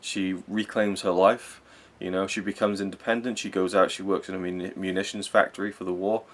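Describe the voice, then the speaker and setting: A man's voice: low voice, little pitch movement, a little fast, a bit bright. A young man giving a casual, rambling, earnest film review, swearing now and then and getting openly emotional.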